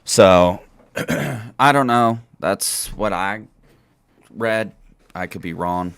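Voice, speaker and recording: Podcast host, male, deep and smooth, casual rambling delivery, dry close mic. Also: slow pace, a bit bright, no room sound. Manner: rambling, lots of uh fillers. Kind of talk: casual gaming podcast chat.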